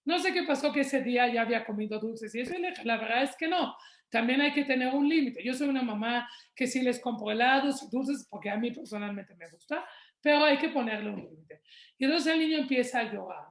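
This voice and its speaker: A woman's voice: a little high, a little fast, roomy sound. A woman, answering questions in a webinar on raising children and telling stories from her own family. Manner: warm storytelling, acts out quoted dialogue. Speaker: parenting speaker.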